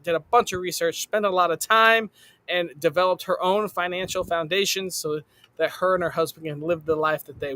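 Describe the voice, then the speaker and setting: Male podcast host, emphatic; high and bright voice. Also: dry recording. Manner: upbeat, emphatic announcer delivery. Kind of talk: podcast host reading sponsor shout-outs.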